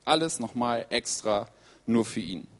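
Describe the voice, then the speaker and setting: A man preaching a sermon in a lively storytelling way, acting out the voices of the people he quotes. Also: mid-range voice, unhurried. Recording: long reverb in a hall.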